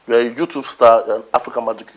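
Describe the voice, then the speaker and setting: A man with a Nigerian accent hosts a sarcastic roast interview. He asks provoking questions in a deadpan manner, and his voice sits at a middle pitch. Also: rapid-fire. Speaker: interview host.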